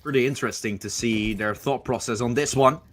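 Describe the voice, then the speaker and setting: Casting: male esports caster, medium pitch, live match commentary in clipped phrases. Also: fairly quick, fairly bright tone, slight background noise.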